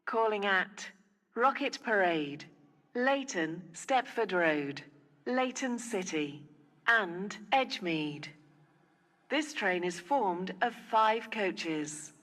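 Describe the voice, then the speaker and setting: A woman giving an automated railway platform announcement over a station loudspeaker, in measured, evenly spaced phrases. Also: mid-range voice, lively intonation, long reverb tail.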